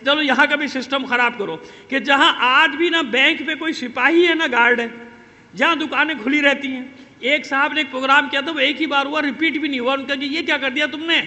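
A man's voice: very high voice, pushed and bright, dull audio. A male preacher, delivering an impassioned religious sermon to a congregation, full of rhetorical repetition and calls for responses. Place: large hall with congregation. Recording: reverberant hall.

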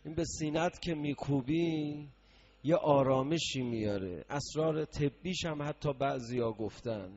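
Gravelly man preaching a mourning sermon. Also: fairly high pitch. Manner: swells from quiet talk into loud sung lament. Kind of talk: mourning sermon with chanted lament. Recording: dull lo-fi recording.

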